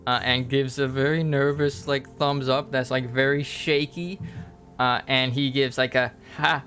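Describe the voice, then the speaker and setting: A man narrating a tabletop role-playing game as game master, improvising in halting pieces. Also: mid-range voice, level tone, sharp tone. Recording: music behind the voice.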